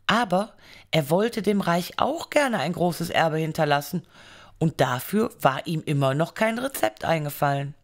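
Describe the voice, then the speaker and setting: A woman narrating an audiobook fairy tale, reading it aloud in measured storytelling phrases. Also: on the low side.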